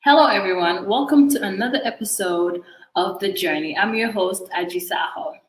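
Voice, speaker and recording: A woman's voice: medium pitch, normal speed, slight background noise. Woman hosting an interview, echoey sound. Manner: friendly, questioning, with fillers. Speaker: host.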